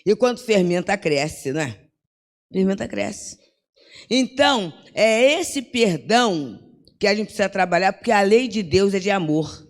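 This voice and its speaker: A woman's voice: medium pitch, lively intonation, measured pace. An older woman giving a religious lecture, talking in a conversational way with frequent tag questions and acted-out bits of dialogue. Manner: conversational, peppers with "né?", acts out dialogue. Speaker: spiritist lecturer. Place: lecture hall at a spiritist center. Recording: long hall reverb.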